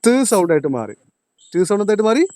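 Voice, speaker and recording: A man teaches a classroom lesson in a high voice. He quizzes his students and repeats each point, slowing down on the key terms. The sound is dry, with no echo. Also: sing-song, a little mellow. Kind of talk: classroom lecture.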